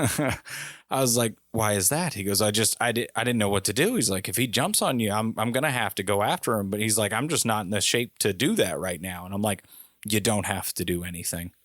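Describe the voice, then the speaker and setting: A low-pitched man on a casual podcast, spinning a story with animated gusto and jumping up in pitch whenever he quotes someone. The sound is dry and close, with no room around his voice. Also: brisk, no echo. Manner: animated storyteller, raising his voice when quoting people. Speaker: podcast co-host.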